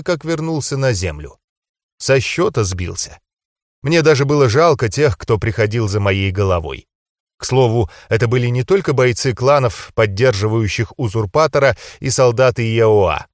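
A man narrating a first-person fantasy audiobook in a calm, measured way. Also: mid-range voice, dry recording, studio quality.

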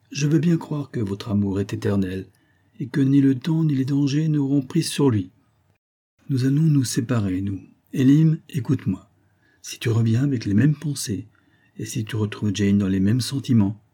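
A man narrating a classic novel aloud, voicing its characters with lively shifts in pitch. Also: slightly rough. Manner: reads dialogue with lively raised pitch for each character. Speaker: audiobook reader.

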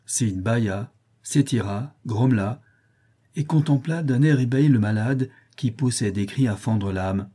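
A man narrates an audiobook in a steady, measured storytelling manner. His voice is husky and dark-toned, with a mellow, low warmth. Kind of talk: scripted narration.

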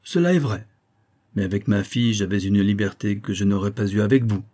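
A man's voice: lowish voice, brisk, warm tone, close to an everyday voice. A man voicing a frank, fatherly older baron who speaks earnestly and cordially.

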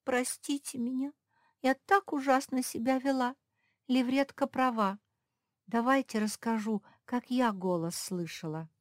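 Brief: remorseful young pug in a children's storybook, read by a woman, very high voice. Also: measured pace, dry recording, clean studio sound, natural voice. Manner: apologetic, excitable.

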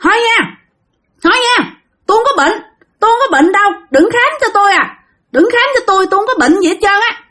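A woman voicing a feverish, possessed little boy who yells in a high, shrill voice. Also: animated, brisk, exaggerated voice. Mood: shrill, defiant.

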